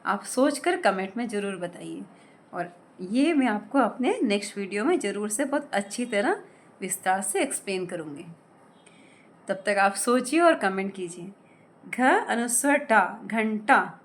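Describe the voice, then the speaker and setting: Lively, slow-spelling woman grammar teacher. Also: mid-range voice. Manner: slow, careful syllable-by-syllable spelling of words; asks questions and answers them herself. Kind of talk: explaining lesson with examples.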